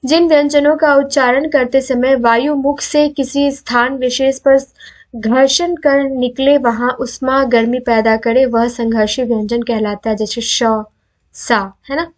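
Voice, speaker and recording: A young woman teaching Hindi grammar for exams. She asks questions and answers them herself, and sounds out letters slowly so students can repeat them. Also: high-pitched, little pitch movement. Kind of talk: exam-prep video lesson.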